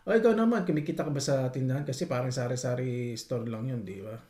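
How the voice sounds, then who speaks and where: A man's voice: mid-range voice, fast talker, warm tone, natural voice. A man voicing a nosy, snobbish Filipina woman who belittles others with prying, condescending questions. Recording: echoey room.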